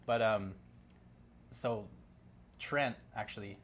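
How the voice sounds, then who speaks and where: A man's voice: lowish voice, slow pace, fairly bright tone, a little hiss or hum. A man in his thirties from Canada, chatting loosely as a guest, with lots of "like" and restarts. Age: 30s. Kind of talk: casual interview chat.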